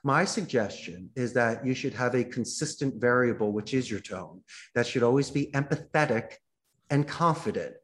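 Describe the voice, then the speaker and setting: Male guest, mid-range voice, animated teacher who role-plays phone calls while he explains. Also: mid-range voice, moderate pace. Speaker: guest, call center owner. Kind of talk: podcast interview.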